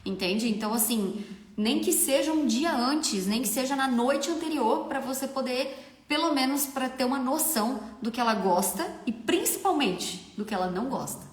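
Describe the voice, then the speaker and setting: A woman's voice: high voice, lively intonation, moderate pace. A young Brazilian woman with a Brazilian Portuguese accent, a makeup artist hosting a live stream and giving frank, chatty advice. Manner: chatty, frank, often asks "entendeu?". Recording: echoey room.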